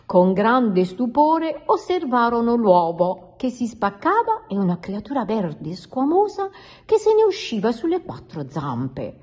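A woman reading a picture book aloud to children in an expressive storytelling manner. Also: on the high side, a little slow. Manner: animated, expressive.

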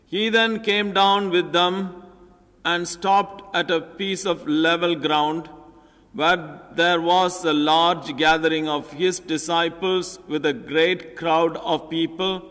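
Older priest guy, slow solemn reading, big cathedral echo. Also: fairly high pitch, fairly bright tone. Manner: measured, deliberate phrasing. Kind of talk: solemn gospel reading and homily. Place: large church, at a lectern. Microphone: lectern gooseneck microphone. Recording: echoey church hall, long reverb.

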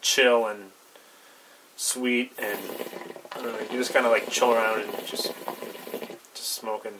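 Speaking unhurriedly in a level, medium-pitched tone, a young adult man gives a casual, unscripted review, laid-back, a touch hesitant and trailing off. The setting is a small cluttered room with a brick wall, captured by a distant mic amid clear background noise.

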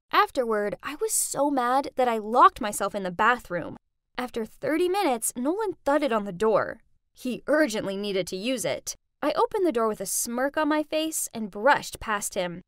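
A young woman narrating a first-person animated story in an expressive, sarcastic way. Her voice is high and swings widely in pitch. It is recorded close and dry. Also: dry recording.

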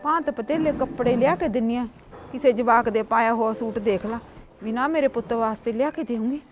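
An actress playing a nagging stepmother in a village comedy sketch, shrill and complaining. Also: a little fast, soft background music, close to an everyday voice. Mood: self-pitying. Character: nagging middle-aged stepmother who later repents. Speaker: actress in a short comedy film.

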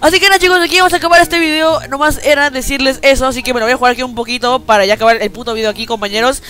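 This teen gaming YouTuber rattles off rapid-fire slang over his gameplay through a headset, his very high voice pushed and bright yet fairly even in intonation. Feeling a bit sick and weak, he keeps dropping "chicos" into every line.

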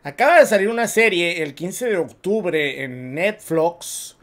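A man's voice: high voice, unhurried. A man with a Mexican Spanish accent co-hosting a casual film podcast, full of slang and swearing as he retells a story. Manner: slangy, profane, animated storytelling. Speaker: podcast co-host.

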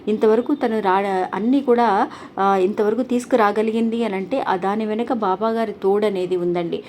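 A woman's voice: medium pitch, fairly even intonation, moderate pace, darkish tone, slight background noise. A woman hosting a devotional channel, telling a story in an earnest, polite way with frequent restarts.

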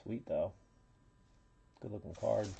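Gravelly-voiced man calling out card pulls. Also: lowish voice, slow pace, heavy background noise. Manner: upbeat, rattles off player names and serial numbers. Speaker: card break host. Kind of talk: casual live commentary opening card packs.

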